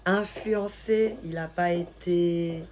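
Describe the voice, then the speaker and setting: A woman from Switzerland with a light Swiss French accent, hosting a live stream and chatting casually with viewers in a teasing, quick-witted way. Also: on the low side, steady tone, darkish tone, a little hiss or hum. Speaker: livestream host. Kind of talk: casual live-stream chat reading comments.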